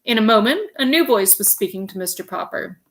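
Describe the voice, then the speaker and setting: A woman reading a children's chapter book aloud in a clear, steady narration. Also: mid-range voice, a little fast. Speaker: reader.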